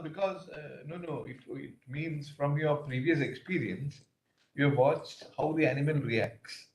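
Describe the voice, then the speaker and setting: A man questioning counsel as a judge in a courtroom, probing and thinking aloud. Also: mid-range voice. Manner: probing, thinking aloud with "you know" fillers. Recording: roomy courtroom sound.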